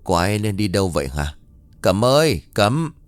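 A man voicing a bad-tempered young father who scolds his wife in a gruff manner. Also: deep voice, animated, brisk, no echo. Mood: stern.

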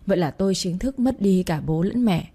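A woman narrating a sad story as an audiobook reader, reading slowly and sorrowfully with emotion. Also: medium pitch, expressive, warm tone, husky.

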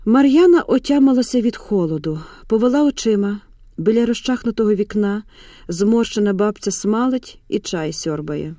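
A woman reads a dramatic audiobook in a hushed, measured way. Her voice is mellow and warm. The close-miked sound is completely dry. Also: mid-range voice, lively intonation, dry recording. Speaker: audiobook narrator.

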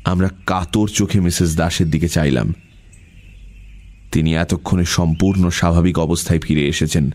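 A man narrating an audiobook story in a measured storytelling manner. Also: sits low, steady tone, a little mellow. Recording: music bed under voice.

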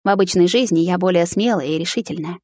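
Low-voiced woman reading a confessional audiobook. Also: fast, a little mellow, no room sound, studio quality. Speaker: audiobook narrator. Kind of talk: first-person audiobook narration.

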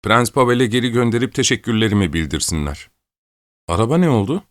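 A man's voice: medium pitch, animated, fast, dry recording, clean studio sound, voice pushed up, lightly acted. A man reading an audiobook, voicing an old, imperious countess who scolds and gives orders. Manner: scolding, commanding, querulous.

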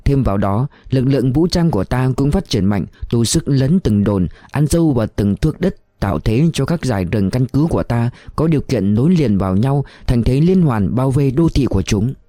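A man reading a war novel aloud in steady, measured narration. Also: mid-range voice, no room sound, studio quality. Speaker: audiobook reader.

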